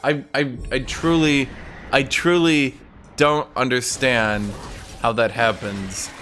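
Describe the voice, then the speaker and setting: A man's voice: mid-range voice, steady tone, slow pace, fairly bright tone, faint music behind. A young man streaming a game, talking casually and sarcastically to his chat and swearing freely. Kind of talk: casual live-stream commentary.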